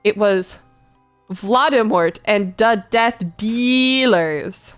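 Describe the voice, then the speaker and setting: Soft music plays under a clean, slightly bright, mid-range woman's voice. She's a streamer giving a theatrical, exaggerated reading of awful fan fiction, misspellings included on purpose.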